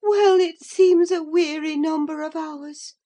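A woman narrates a classic novel as an audiobook, performing a young married woman who is delirious and frightened, fretful and pleading with gasping outbursts. Her slow, high voice has a dark tone and sits above her natural pitch. She sounds bewildered.

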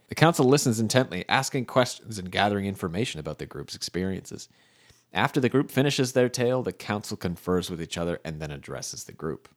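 Young male narrator, very low-pitched, reads game text aloud with a laid-back joking tone. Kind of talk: reading out AI-generated game narration.

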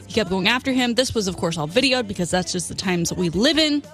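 Female sports radio co-host, mid-pitched, casual and opinionated, light music bed. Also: lively intonation, quick pace, fairly bright tone. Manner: opinionated, conversational.

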